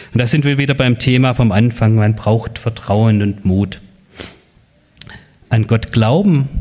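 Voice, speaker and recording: A man's voice: medium pitch, a little mellow. Man preaching a confirmation sermon. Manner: storytelling, quoting voices in the tale; addresses the teens directly with questions. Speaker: pastor.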